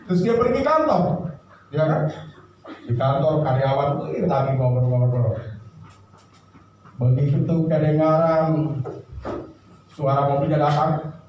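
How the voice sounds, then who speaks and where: A male pastor telling a sermon story with lively animation, often addressing listeners as brothers and sisters, heard in an echoey hall from a distance. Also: on the high side, measured pace, long pauses, muffled recording, a little hiss or hum.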